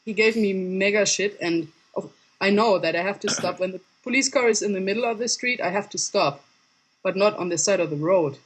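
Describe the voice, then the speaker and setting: A man calling in on a video call as a guest, telling casual stories in an animated way. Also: sits high, a little fast, low-quality recording.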